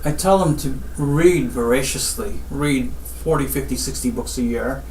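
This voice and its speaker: Guyana-born surgeon speaking in a roomy space. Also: male voice, mid-range voice, a little mellow, slight background noise. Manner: measured, advice-giving, repeats "I tell them". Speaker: spinal surgeon. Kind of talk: interview answers. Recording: roomy, distant mic with faint ambience.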